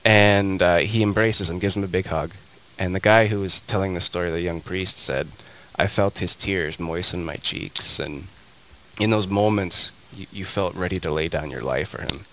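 A man's voice: low voice, normal speed, poor audio. A man on a radio show as a guest, telling stories with energy and acting out the quotes, in a studio. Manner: lively storyteller who acts out quotes. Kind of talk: animated storytelling on talk radio.

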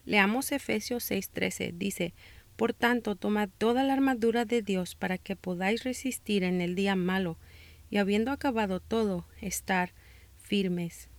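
This podcast host is a Texan of Mexican-American background whose accent comes from South Texas and the northern border. Her faith-based parenting show is read from a script at a steady, calm pace, easing down when she reaches scripture. Her medium-pitched voice is miked close, completely dry, without any room sound.

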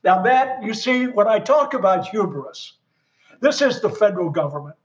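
A man's voice: high-pitched, moderate pace, dull audio. A man guest telling a story in a casual conversation, acting out the voices of other people in it. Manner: animated, acts out quoted dialogue.

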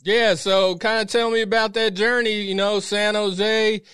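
A man's voice: high-pitched, flat delivery, a little slow, sharp tone, clear, resonant tone, no room sound, clean studio sound. A man hosting a casual interview, loose and swearing freely, often saying "you know". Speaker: podcast host.

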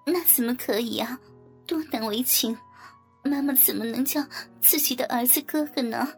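A woman's voice: high-pitched, expressive, slow, faint music behind, voice pushed up. A woman voicing a flustered, overwhelmed middle-aged mother in an erotic audiobook, breathless, whimpering and shy. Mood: shy pleading.

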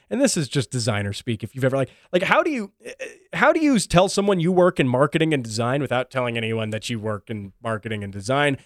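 A man's voice: medium pitch, no room sound, clean studio sound. A man hosting a casual commentary show, talking in a chatty, wry way with plenty of fillers and restarts. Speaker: show host.

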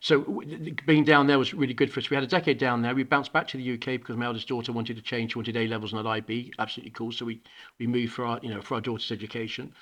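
A middle-aged man from the UK and Hong Kong, a founding school principal, speaks earnestly in a conversational podcast interview, with many restarts and repeated words. His medium-pitched voice is level and fairly bright, and he talks very fast.

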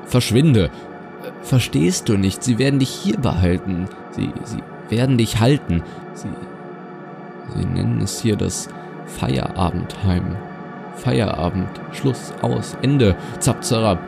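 A man's voice: on the low side, expressive, slow, gravelly, pitched above the performer's own voice, exaggerated voice. A man voicing a frail, paranoid old grandfather in a nursing home, stammering and repeating his words, over music. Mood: panicked.

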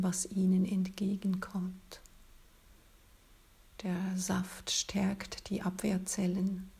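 In a soft, soothing, breathy whisper like something from a spa, a woman with a medium-pitched voice leads a guided relaxation as scripted narration.

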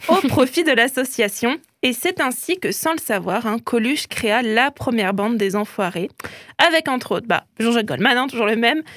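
A woman's voice: a little high, lively intonation, normal speed, fairly bright tone, no echo, studio quality. A woman hosting a radio show, chatting playfully about pop culture and often adding "hein".

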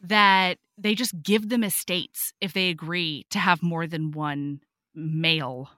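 Woman, podcast guest, casual animated chat, bright tone, dry close mic. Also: on the low side, takes it slowly, no echo. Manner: animated, swears freely, acts out book characters.

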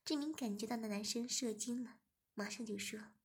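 Woman narrator, audio story, soft half-whisper, airy breathy voice. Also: a little high, brisk. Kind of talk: erotic audio story reading.

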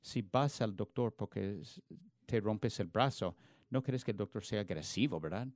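A man's voice: fairly low pitch, expressive, normal speed, darkish tone, dry recording. A man preaching a sermon in an earnest, emphatic way, often restarting words mid-phrase. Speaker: pastor.

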